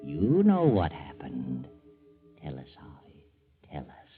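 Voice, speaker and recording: A muffled 1940s radio recording with music behind the voice. a mysterious, all-knowing male narrator of crime tales, deep and unhurried, taunting the listener with sinister theatrical relish. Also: wildly swooping pitch, exaggerated voice. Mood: mocking. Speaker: narrator and host.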